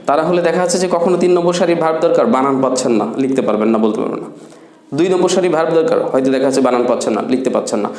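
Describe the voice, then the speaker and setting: A man teaching an English grammar lesson, asking the class questions and answering them himself, and drawing out his example sentences slowly. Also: mid-range voice, darkish tone, echoey room. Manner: slow, drawn-out English example sentences between quick explanations.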